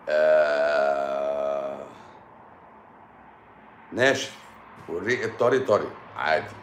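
A man's voice: fairly low pitch, fairly bright tone, slight background noise. A man with an Egyptian accent, a doctor hosting a live stream, lecturing viewers in a stern, sarcastic way. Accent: Egyptian Arabic. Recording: echoey room.

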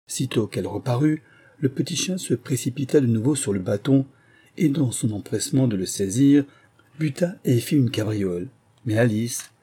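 A man narrating a storybook as an audiobook reader, in a measured storytelling manner. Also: fairly low pitch, dark tone, breathy edge. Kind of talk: scripted narration.

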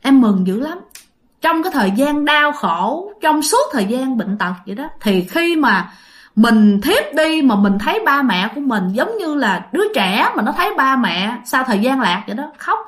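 A fairly high-voiced woman tells a ghost story. She talks in a loose, chatty way, full of fillers, and keeps addressing her listeners directly. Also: big pitch swings, moderate pace, fairly bright tone. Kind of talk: spoken ghost story telling.

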